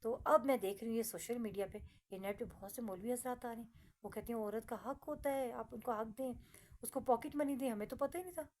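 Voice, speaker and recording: Middle-aged woman, Pakistani Urdu accent, fairly high voice, earnest advice, casual vlog talk, faint background hiss. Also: brisk, a little mellow. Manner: earnest, advising, repetitive. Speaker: vlogger. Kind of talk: casual personal talk to viewers.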